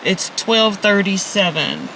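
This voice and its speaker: Chatty fifties woman, bright sharp voice. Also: medium pitch, takes it slowly, vocal fry, a little hiss or hum. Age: 50s. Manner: chatty, talks straight to viewers, many fillers. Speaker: vlogger. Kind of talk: casual self-filmed vlog chat. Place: outdoors at a park and in a parked car.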